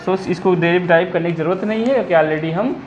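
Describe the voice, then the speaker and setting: A physics teacher working through a derivation step by step. The teacher dictates formulas deliberately, mixes in English technical terms and often stops to ask whether it is clear. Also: mid-range voice, a little hiss or hum. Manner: switches between Hindi and English technical phrases. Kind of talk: blackboard-style lecture working through a derivation. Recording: echoey room, dull lo-fi sound.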